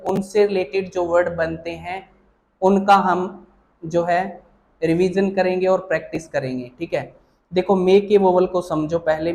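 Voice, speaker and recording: Man with a high voice, patient teacher, explains in small steps and keeps checking in with the class. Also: darkish tone. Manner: explains slowly, often checking with "theek hai na". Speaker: shorthand teacher. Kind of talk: online classroom lesson.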